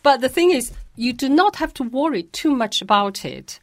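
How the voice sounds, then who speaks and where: A woman's voice: high-pitched, lively intonation, normal speed, dry recording, studio quality. A woman who teaches Mandarin, answering interview questions patiently and carefully, and demonstrating pronunciations as she explains.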